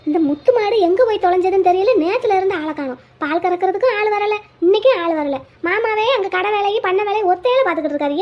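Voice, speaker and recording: A woman voicing a bossy, sharp-tongued young daughter-in-law who scolds briskly. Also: very high-pitched.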